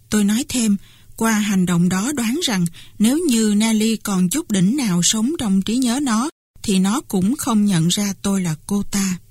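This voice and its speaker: A woman narrating a novel in the first person, in a steady storytelling manner, on a close microphone. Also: medium pitch, slightly rough, no room sound. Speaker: audiobook narrator. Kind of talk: scripted narration.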